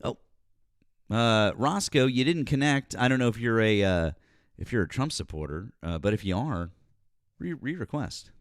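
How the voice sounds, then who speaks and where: A man's voice: mid-range voice, lively intonation, normal speed, no echo, studio quality. A man hosting a live stream, chatting casually and often repeating words as he searches for them. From northeastern United States.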